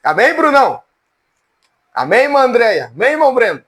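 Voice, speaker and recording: A man with a strikingly high, cracked voice leads a relaxed church class. He jokes along in a folksy way and keeps calling on students by name. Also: fairly quick. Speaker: Bible teacher. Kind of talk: informal church class lecture.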